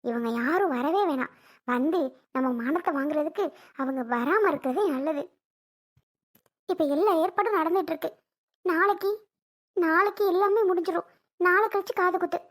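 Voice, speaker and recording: Woman playing a high-voiced aggrieved young mother. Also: normal speed, pauses often. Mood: bitter, aggrieved. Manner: emotional, repetitive complaining. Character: anxious young mother wronged by her brother's family. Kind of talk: family drama skit.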